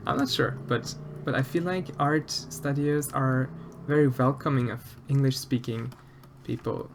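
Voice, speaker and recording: The background is noisy as this Austrian streamer talks with viewers while sculpting. His Austrian German accent comes through a mid-range, steady voice at a slightly slow pace. He's soft-spoken and hesitant, with many fillers and restarts in this casual stream chat.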